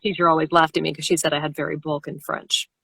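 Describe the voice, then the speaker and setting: A woman audiobook narrator chatting casually about her work on a live stream, animated and quick to laugh. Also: deep voice, gravelly, slightly rough. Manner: animated, laughs often, jumps into character voices.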